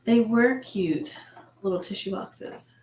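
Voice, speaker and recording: A woman's voice: on the high side, slow pace, a little mellow. A woman with a stuffy nose, breathing through her mouth, rambling casually and thinking aloud as she livestreams. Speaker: artist livestreamer chatting while painting. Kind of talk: casual chat. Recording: roomy, echoey sound.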